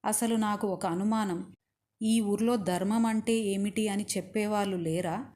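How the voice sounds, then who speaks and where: Give me a stern captive queen lecturing a king, read by a woman storyteller, warm and mellow. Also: mid-range voice, steady tone, measured pace, lightly acted. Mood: stern reproach. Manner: scolding, lecturing.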